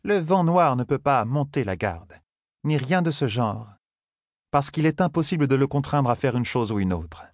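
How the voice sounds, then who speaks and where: A man voicing a calm, learned female sorceress, in a measured, explanatory way, for a fantasy audiobook. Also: medium pitch, no room sound, clean studio sound, pitched above the performer's own voice. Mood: firm explaining. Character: female Aes Sedai scholar, calm and knowing.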